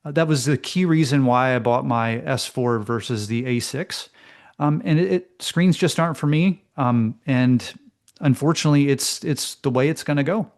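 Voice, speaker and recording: A man's voice: mid-range voice, moderate pace. A man co-hosting a casual car talk show, telling a story with lots of fillers. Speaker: co-host. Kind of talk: casual chat.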